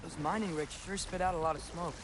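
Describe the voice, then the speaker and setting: A man's voice: on the high side, fairly even intonation, fast, background noise, close to an everyday voice. An actor voicing an earnest, curious young male hero in a video game.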